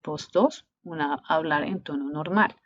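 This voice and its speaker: Latin American woman teacher, low voice, patient restarts, dull lo-fi recording. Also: slightly rough. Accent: Latin American Spanish. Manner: unhurried, with frequent restarts. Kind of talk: explanatory teaching talk.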